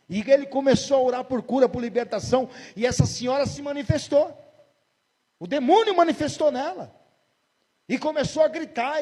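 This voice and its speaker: Heard with a big-room sound, this man's voice is very high-pitched yet dark in tone. He is a Brazilian pastor in his forties from São Paulo state with a Brazilian Portuguese accent, preaching a sermon emphatically and putting rhetorical questions to the congregation.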